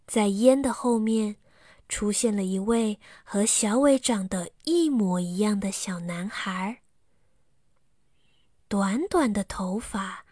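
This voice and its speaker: Slow, soft woman storyteller. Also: medium pitch, no room sound, studio quality. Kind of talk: bedtime story narration.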